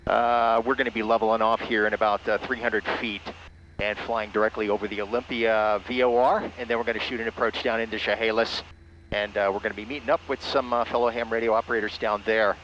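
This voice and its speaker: A man's voice: on the low side, level tone, fast, fairly bright tone. A man piloting a small plane, making clipped procedural radio calls and narrating the flight over a headset. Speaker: pilot and ham radio operator. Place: small airplane cockpit in flight. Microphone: aviation headset. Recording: muffled cockpit radio audio, aircraft noise. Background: light aircraft engine noise.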